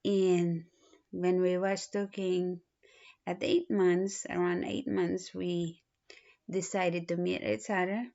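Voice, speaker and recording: A woman in her thirties from the Philippines, speaking with a Filipino accent, introducing herself in a halting way with many pauses and restarts. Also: lowish voice, little pitch movement, vocal fry, dark tone. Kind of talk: self-introduction video. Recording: dull lo-fi recording.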